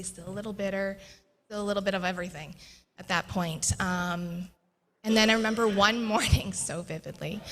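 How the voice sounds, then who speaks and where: A woman sharing a personal faith testimony in a church interview, earnest and animated, laughing often as she tells it. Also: mid-range voice. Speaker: guest sharing her testimony. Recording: long echoey reverb.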